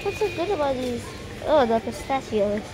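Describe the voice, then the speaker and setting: High-voiced excited woman vlogging in a store. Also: normal speed, rough recording. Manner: excited, exclaiming at prices and food. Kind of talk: casual shopping vlog narration. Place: busy indoor supermarket. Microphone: handheld phone camera. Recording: loud background noise.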